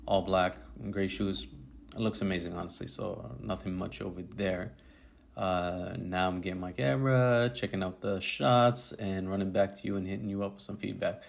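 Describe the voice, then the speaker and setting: A man's voice: sits low, fairly even intonation, moderate pace, vocal fry. A male photographer narrating his tutorial video as a voice-over, in a casual, slangy way that sounds like thinking aloud. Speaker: photographer and YouTuber.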